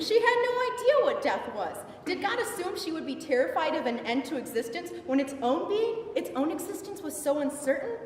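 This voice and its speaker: A woman's voice: sits high, pitched above the performer's own voice. A young woman performing a defiant, indignant biblical Eve in a sarcastic, emphatic, conversational stage monologue. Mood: passionate. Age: young adult. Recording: echoey hall from far off, some noise.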